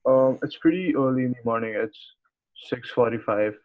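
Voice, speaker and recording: A man's voice: medium pitch, moderate pace. A young man interviewing over a video call, hesitant and full of filler sounds. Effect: heard over a video call. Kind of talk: casual interview chat. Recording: tinny video call audio.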